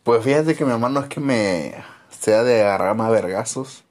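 A young man with a Mexican accent, chatting casually as a podcast co-host and telling stories in a slangy, swearing, animated way. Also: mid-range voice, normal speed. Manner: slangy, animated storyteller who swears a lot. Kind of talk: casual chat.

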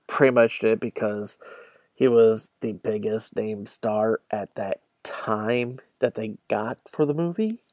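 A man hosts a solo podcast, talking casually and conversationally straight to his listeners. His mid-range voice is a little mellow, and the recording is dry.

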